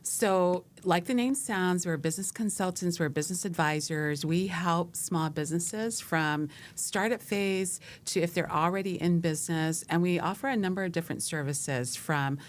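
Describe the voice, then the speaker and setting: A middle-aged woman from Hawaii, a business consultant talking in a steady, measured way as an interview guest. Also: fairly low pitch. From Hawaii, USA. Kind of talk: casual interview chat.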